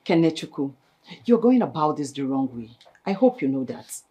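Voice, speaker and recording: An actress playing a level-headed friend who questions and challenges a scheming wife. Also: female voice, low voice, sing-song, normal speed, dark tone, muffled recording. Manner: reasoning, challenging. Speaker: concerned friend.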